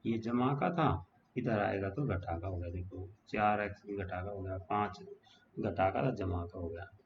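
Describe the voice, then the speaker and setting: A deep-voiced, unhurried math teacher explains equations step by step at the whiteboard, casually checking in with his class, with crowd noise present. The audio is dull and lo-fi, with faint background noise.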